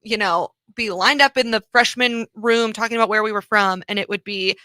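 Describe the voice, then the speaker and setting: A woman from Missouri, a comedian and author guest, telling stories in a casual radio interview with quick animated asides. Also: medium pitch, clear, resonant tone, no room sound. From Missouri, USA.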